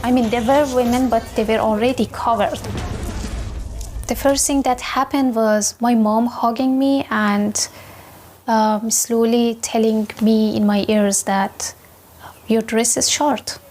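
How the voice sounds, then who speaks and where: A woman in her twenties from Afghanistan, recounting her own experience in a measured, reflective way with hesitant fillers. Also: a little high, steady tone, darkish tone, a little hiss or hum. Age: 20s. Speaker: documentary interviewee. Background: music.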